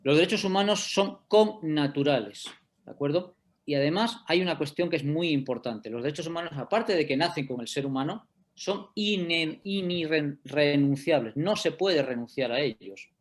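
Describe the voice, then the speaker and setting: A man's voice: a little high, moderate pace. Man lecturing over a video call. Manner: explanatory, checks in with "¿de acuerdo?" often. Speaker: law lecturer. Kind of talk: lecturing in an online class.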